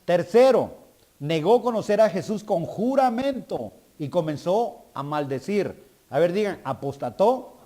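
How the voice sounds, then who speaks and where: A man's voice: high-pitched, expressive, a little slow, warm tone. A male guest preacher delivering a sermon, calling for responses from the congregation and building to emphatic preaching.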